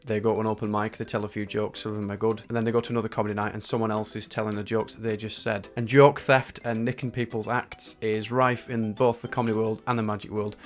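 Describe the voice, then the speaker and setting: English guy telling his story to viewers, talks quick, blunt and self-mocking, bit of music under it. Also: lowish voice, level tone. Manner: candid, colloquial, self-deprecating. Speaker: stand-up comedian and former magician. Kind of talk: conversational video narration about own career. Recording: music playing behind the voice. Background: background music.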